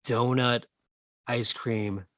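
A man's voice: mid-range voice, fairly even intonation, drawn-out words, fairly bright tone, no room sound, clean studio sound. A man co-hosting a casual podcast, telling stories loosely and swearing freely. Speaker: podcast co-host and improv comedian.

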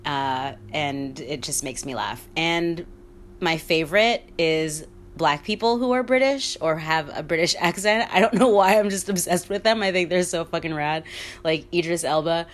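A woman's voice: sits low, normal speed. A woman in her thirties hosting a solo podcast, talking in a rambling, candid way, swearing freely and laughing often. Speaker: podcast host. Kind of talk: casual solo podcast monologue.

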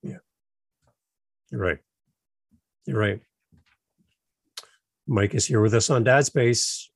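A man's voice: medium pitch, slow, creaky, breathy edge, no room sound, studio quality. A man hosting a podcast interview, affirming and encouraging his guest. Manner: affirming, brief backchannels. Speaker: podcast host.

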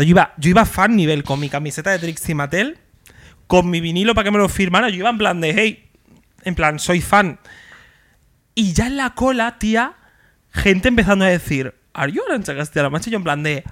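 A young man, animatedly telling a story on a casual podcast chat. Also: fast. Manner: animated, acts out quotes with big jumps in pitch. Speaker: podcast co-host.

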